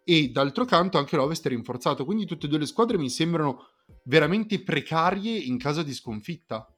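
A man's voice: on the high side, lively intonation, normal speed, fairly bright tone, faint music behind. A man in a casual basketball discussion, speaking colloquially and emphatically and restating his points. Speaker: sports podcast panelist.

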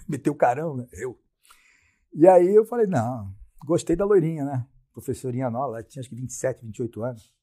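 A man's voice: mid-range voice, mellow, slightly rough. A middle-aged man with a Brazilian Portuguese accent, a podcast guest telling stories in a blunt, slangy way and acting out his own quoted lines. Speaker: podcast guest, sports science professor. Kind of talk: casual storytelling.

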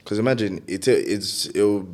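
Young man, slangy London roadman accent, fairly low register, loose podcast chat. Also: measured pace, darkish tone. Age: young adult. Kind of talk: casual podcast banter.

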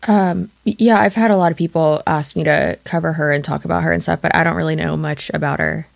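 A woman's voice: deep voice, fairly even intonation, fast talker, creaky. A woman co-hosting a podcast, chatting casually and reacting to her co-host. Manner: casual, reacting with short replies. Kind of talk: casual chat.

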